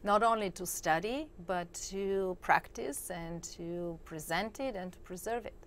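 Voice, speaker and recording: Gravelly Bulgarian-accented woman. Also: mid-range voice, measured pace, a little hiss or hum. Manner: earnest, hesitant with fillers. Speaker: guest, dance teacher. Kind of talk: interview answers. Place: small studio set, indoors. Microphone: lapel.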